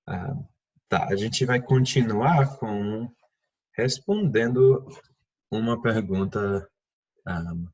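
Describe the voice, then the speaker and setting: Low, slow-speaking English teacher. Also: male voice, a little mellow, slightly rough, dull audio. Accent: English-speaking learner of Portuguese. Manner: patient, repeats example phrases with varied intonation. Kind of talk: online language lesson.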